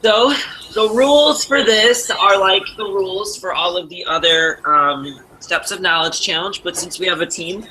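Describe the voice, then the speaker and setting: Casual game show host: a man with a Wisconsin accent, slightly high, very bright tone, chatty and rambling. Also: a little hiss or hum, low-quality recording. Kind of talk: hosting a livestreamed game show.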